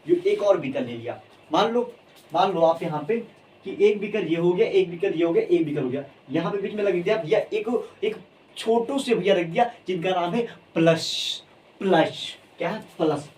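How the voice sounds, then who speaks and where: A high-pitched man teaching chemistry with lively energy, drilling key terms over and over and coaxing his students along. He sounds a little away from the mic, with faint room ambience behind him. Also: recorded from a distance, slight background noise, low-quality recording. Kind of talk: energetic classroom lecture.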